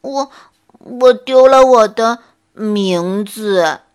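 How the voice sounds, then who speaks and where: A woman voicing a clumsy, worried young male bear in a bedtime story, speaking slowly and haltingly. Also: a little high, darkish tone. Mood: anxious. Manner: slow, halting and fretful.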